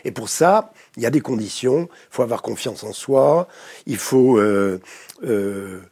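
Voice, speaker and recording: Gravelly, husky French man. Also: mid-range voice, animated, a little slow, darkish tone. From France. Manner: reflective, searching for words. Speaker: guest therapist. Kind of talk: studio interview.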